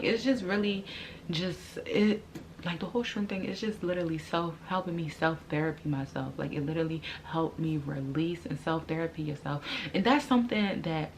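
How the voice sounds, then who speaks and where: Young American female vlogger, low register, candid slangy storytelling, some noise in the recording. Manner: informal, slangy, candid and emphatic, drawing out and repeating words. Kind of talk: casual personal storytelling.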